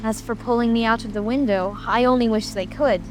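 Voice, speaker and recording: A curious, plucky storybook girl played by a woman with a high voice. She talks to herself in a decided, indignant way over soft music and rain. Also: steady tone, a little fast, close to an everyday voice. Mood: musing, curious. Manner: self-talking, decided. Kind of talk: dramatic audiobook character acting. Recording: music and rain ambience behind.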